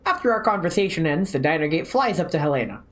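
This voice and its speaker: A woman's voice: low-pitched, big pitch swings, quick pace. A woman game streamer reading a story aloud and adding casual commentary.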